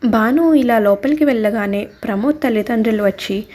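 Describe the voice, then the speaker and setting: Soft-toned woman narrating a story. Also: on the high side, brisk. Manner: reads all characters' lines in her own voice. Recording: soft background music.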